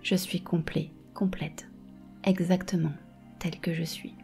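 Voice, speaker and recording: Soft breathy woman doing guided meditation right in your ear, bit of vocal fry, faint music behind. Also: on the low side, level tone, measured pace. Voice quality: soft, breathy, often slipping into a whisper.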